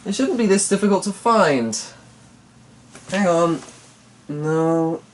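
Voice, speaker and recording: Taking it slowly, a high-pitched, animated man hosts a casual vlog and rambles to his viewers. He mutters, sounds distracted and mildly exasperated, and is recorded from a distant mic over faint background noise.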